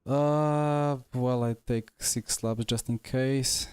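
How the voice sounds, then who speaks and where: Streaming a sim race on a wireless headset, a Slovenian-accented man mutters to himself and his viewers in brief, fragmented bursts. His medium-pitched voice is slow, steady, darkish and clean, with no room sound, only game car noise underneath.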